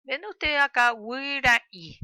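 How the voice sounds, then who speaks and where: A woman teaching a language lesson, speaking slowly and clearly and drawing out sounds for pupils to repeat. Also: high voice, bright, forceful tone, dry recording.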